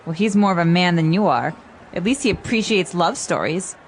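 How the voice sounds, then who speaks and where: An exasperated girlfriend at the end of her patience, read by a woman in a scripted lesson dialogue. Her voice is fairly low for a woman, and her tone is indignant. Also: lively intonation, brisk, a little hiss or hum, natural voice. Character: fed-up girlfriend arguing with her boyfriend.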